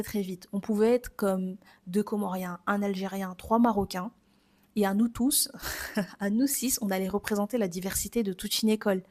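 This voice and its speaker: In her own reflective podcast, this French host in her twenties speaks informally and confidingly, like a conversation. Her voice is medium-pitched and mellow.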